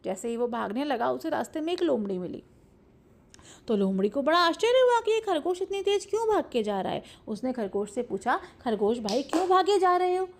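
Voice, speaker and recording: A woman teacher telling a story to children in a lively, animated way, retelling each part twice. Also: high voice, fairly quick, vocal fry.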